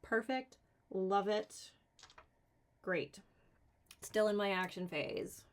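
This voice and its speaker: Streaming a solo board game, a woman thinks aloud casually, counting cards and talking herself through the rules with mildly exasperated asides. Her voice is medium-pitched and she speaks slowly.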